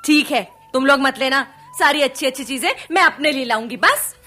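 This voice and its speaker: A woman's voice: high voice, a little fast, loud music behind the voice, natural voice. A woman voicing a strong-willed, bossy but caring village mother in an educational radio drama, talking in a teasing, commanding way.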